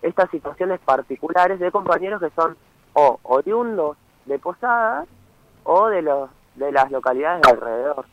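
Calling in over a muffled phone line, a young man from Misiones with an Argentine Spanish accent, a student activist, earnestly explains his cause in a phone interview, often asking "¿sí?". He sounds a little high, with lively intonation, at a moderate pace and no room sound.

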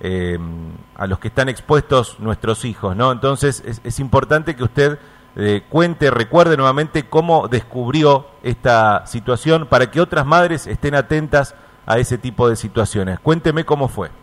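A man interviewing a caller on the radio, asking gentle, probing questions with frequent hesitations. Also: medium pitch, animated, measured pace.

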